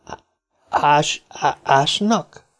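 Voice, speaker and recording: A man's voice: fairly high pitch, expressive, vocal fry, a little mellow, pitched above the performer's own voice. A male narrator voicing a small, cheeky man from a circus who stammers when frightened.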